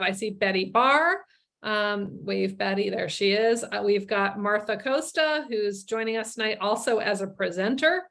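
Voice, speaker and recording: A woman who owns a tour company, hosting an online presentation in a chatty way, with many pauses and restarts. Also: a little high, pushed and bright. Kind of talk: casual webinar presentation.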